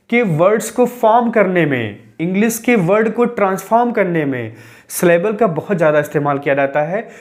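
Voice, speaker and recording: A man teaching English grammar in a patient, step-by-step explanatory lecture, dropping English terms into his talk. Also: sits high.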